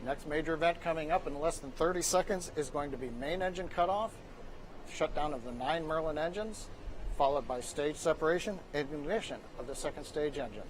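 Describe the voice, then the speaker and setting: High-voiced man doing live launch commentary. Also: a little fast, a little hiss or hum.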